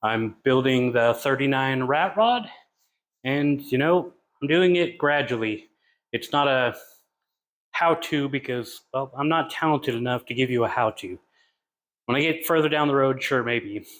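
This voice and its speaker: A man's voice: mid-range voice, unhurried. A man hosting his own car-building vlog, talking casually and with self-deprecating humor while out of breath in his garage workshop. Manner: relaxed, self-deprecating, rambling with fillers. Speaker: channel host, hobby fabricator.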